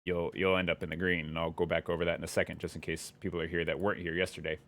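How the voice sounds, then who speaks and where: A young man chatting casually on a live stream, rambling and thinking out loud as he follows his curiosity. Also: low voice, level tone, racing.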